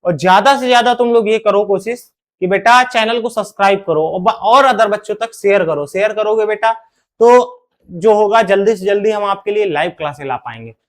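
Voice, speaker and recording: A man teaching a poetry lesson to students, calling them "beta", asking questions and answering them himself, and chanting the verses slowly. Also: high-pitched. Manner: addresses students as "beta", asks and answers his own questions. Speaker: Hindi teacher. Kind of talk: classroom lesson explaining poetry.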